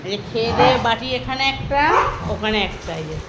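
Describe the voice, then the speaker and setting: Woman pet owner, high voice, coaxing baby-talk with dogs, noisy home phone recording. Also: brisk. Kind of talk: casual home vlog talk to pets.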